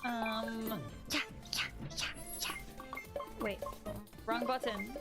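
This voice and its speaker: This young art streamer, a bit hoarse after losing her voice, reads viewer messages in casual, giggly, bubbly chat with playful sound effects while she draws. She speaks slowly in a slightly high, steady tone over background music.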